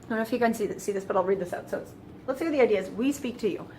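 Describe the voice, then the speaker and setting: A woman's voice: medium pitch, rapid-fire, darkish tone, slight background noise. A woman explaining grammar in a casual, chatty lesson, often restarting phrases and walking through it step by step. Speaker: French teacher.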